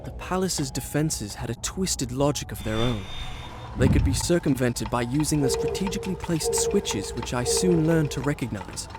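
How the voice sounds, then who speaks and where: A man's voice: medium pitch, animated, moderate pace, very noisy, lightly acted. An actor playing a young, proud, remorseful Persian prince who tells his story in a formal, theatrical way, as dramatic video game narration. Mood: measured, regretful. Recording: music behind the voice.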